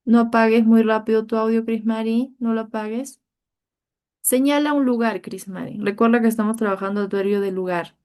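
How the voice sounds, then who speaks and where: A woman's voice: a little high, steady tone, normal speed, darkish tone. A woman teacher leading an online grammar class over a video call, patiently coaxing each student by name.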